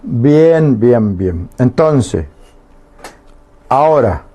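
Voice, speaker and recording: Man, radio language teacher, slow speech, dark mellow tone, patient, keeps asking if it's understood. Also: medium pitch, lively intonation. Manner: patient, checks understanding with repeated questions. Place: radio studio.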